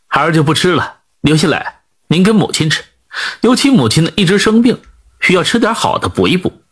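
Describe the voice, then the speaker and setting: Guy doing a blunt earnest young fisherman, husky, talks fast. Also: a little high, very animated, a bit bright, exaggerated voice.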